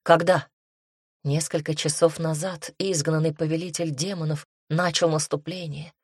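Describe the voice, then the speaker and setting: A woman narrating a fantasy audiobook in a measured, even reading. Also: low voice, breathy edge, no echo, clean studio sound.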